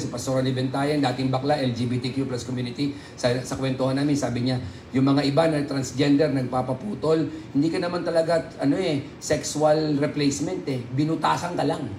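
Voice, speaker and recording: Give me a man with a Filipino accent preaching a joking, animated sermon, fairly high voice, in an echoey church hall. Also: background noise. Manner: animated, joking, swings into loud high exclamations. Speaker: pastor. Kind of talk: humorous sermon.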